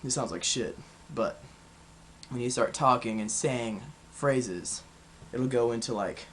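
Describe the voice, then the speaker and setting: A young man talks through vocal technique in a relaxed video lesson, at a middling pitch. He rambles a little and fills pauses as he explains. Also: slight background noise. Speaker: vocal coach.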